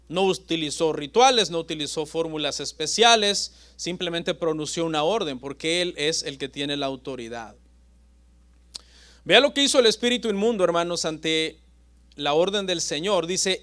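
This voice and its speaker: A man preaching a sermon as pastor, with dramatic pauses and swings between loud and soft. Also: high-pitched.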